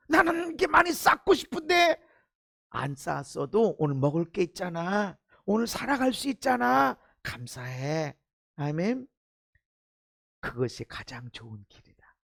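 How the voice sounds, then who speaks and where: A man preaching a sermon as pastor, swinging from loud exhortation to hushed low asides and giving blunt, informal commands to the congregation. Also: vocal fry. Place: church sanctuary.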